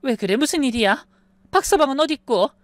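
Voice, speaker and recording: A woman's voice: high voice, lively intonation, brisk, dry recording, pitched above the performer's own voice. A woman voicing an anxious middle-aged mother who questions her daughter, in a dramatized story reading. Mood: worried.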